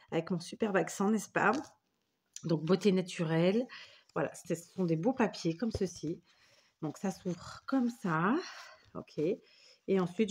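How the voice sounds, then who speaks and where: A woman's voice: medium pitch, breathy edge. A woman at home, casually showing craft items in a rambling, self-correcting chatty way. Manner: rambling, self-correcting, warm thanks to senders. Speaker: crafting vlogger. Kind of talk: casual chatty show-and-tell. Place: at home, indoors.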